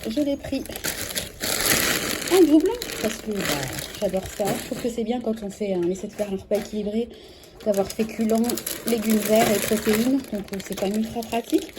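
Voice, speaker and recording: A woman in her thirties with a French accent, chatting casually through a grocery unboxing vlog, correcting herself often and filling pauses with "euh". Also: mid-range voice. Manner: chatty, self-correcting, many fillers. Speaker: vlogger. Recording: clear background noise.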